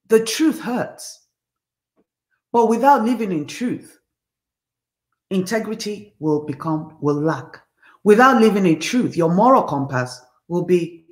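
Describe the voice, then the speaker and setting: A woman's voice: fairly low pitch, roomy sound. A woman in her fifties hosting a talk show, speaking bluntly and emphatically in a candid motivational monologue from her living room over a webcam. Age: 50s. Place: home living room, indoors.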